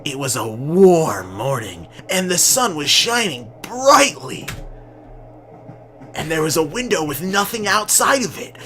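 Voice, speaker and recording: Animated man reading a game aloud. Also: on the high side, measured pace. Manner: stumbling, mock-dramatic reading broken by laughter and swearing. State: voice strained. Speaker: gamer reading a visual novel aloud. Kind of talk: comedic let's-play reading.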